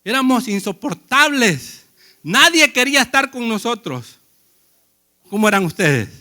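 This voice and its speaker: A man's voice: very high-pitched, big pitch swings, measured pace, pushed and bright. A man preaching a sermon in a conversational way, telling personal stories and asking the congregation questions.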